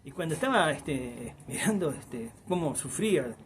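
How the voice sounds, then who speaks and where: A man's voice: a little high, expressive, normal speed, a little hiss or hum. An Argentine man telling a folk tale in a rambling oral style, tagging lines with "dice". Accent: Argentine Spanish. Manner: rambling, repeats "dice" often. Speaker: storyteller.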